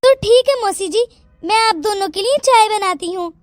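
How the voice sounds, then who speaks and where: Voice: very high voice, moderate pace. A voice actor playing a two-faced young daughter-in-law in a Hindi cartoon story, sugary in front of guests. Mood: sweet. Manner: sugary and polite.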